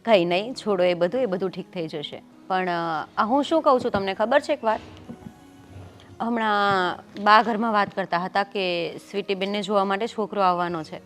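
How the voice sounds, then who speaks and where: A woman's voice: mid-range voice, normal speed, a bit bright, close to an everyday voice. Woman doing a bossy gujarati housewife, insistent, music behind. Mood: persuading. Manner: insistent, scolding. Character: firm, practical housewife, woman. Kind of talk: Gujarati family drama acting.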